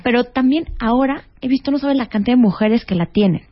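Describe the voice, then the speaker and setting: A woman's voice: fairly high pitch, fast, lo-fi sound. A woman explaining face reading as a guest expert in a casual talk-show chat, often ending with a questioning "no?". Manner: explanatory, rhetorical tag questions.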